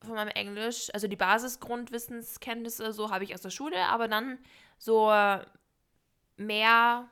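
A woman's voice: on the high side, fairly even intonation, normal speed, sharp tone, smooth. Young female co-host, casual and talkative, drops in English words. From Bavaria, Germany. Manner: chatty, mixes in English words. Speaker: podcast co-host. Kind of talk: casual chat.

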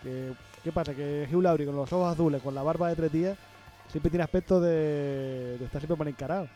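A man with a slightly raised, mellow voice talks through TV series in a relaxed, drawn-out way. He speaks in a casual chat. Faint music sits under his voice. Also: a little high. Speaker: podcast co-host.

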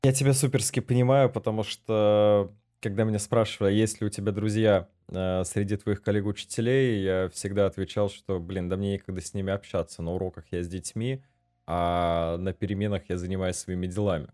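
A man from Russia hosting a podcast interview, chatting in a relaxed way with fillers. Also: on the low side, brisk. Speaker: podcast host.

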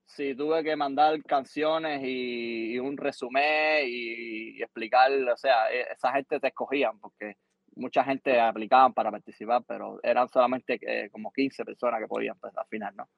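A middle-aged Cuban man, a guest musician, tells a long story on a podcast in a mid-range, creaky voice at normal speed. He speaks with a Cuban Spanish accent, animatedly repeating words and acting out what people said to him. The audio has no echo and the highs are cut off.

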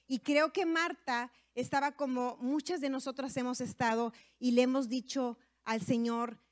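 A woman giving a conversational sermon to women, sprinkling in tag questions and fillers as she talks. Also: a little high. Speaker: women's ministry speaker.

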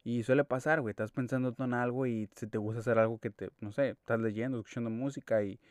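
A man's voice: medium pitch, steady tone, quick pace, a little mellow, no echo, clean studio sound. A young man with a Mexican accent rambling casually in a monologue, slangy and full of swearing. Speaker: podcast host.

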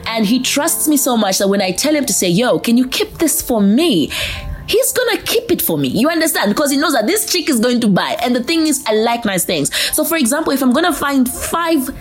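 A woman's voice: high-pitched, sing-song, quick pace, few pauses, soft background music. Chatty Zambian woman hosting a podcast. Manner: chatty, informal, slips between English and a local language. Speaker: podcast host. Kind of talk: casual solo podcast chat.

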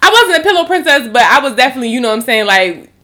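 Woman, podcast host, tomboyish and slightly rough-edged voice, bright, higher-pitched, slangy casual chat. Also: big pitch swings, rapid-fire. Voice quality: tomboyish, a little rough around the edges. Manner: slangy, informal.

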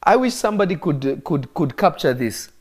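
A high-leaning male voice with big pitch swings moves a little fast as a Kenyan preacher teaches over a live stream. For his online watchers he is emphatic, using repeated phrases to drive each point home.

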